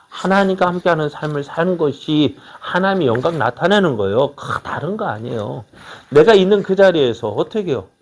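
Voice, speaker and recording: Male pastor preaching with constant rhetorical questions. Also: a little high. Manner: keeps asking the congregation rhetorical questions; swings between loud exclamations and quiet asides. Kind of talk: sermon.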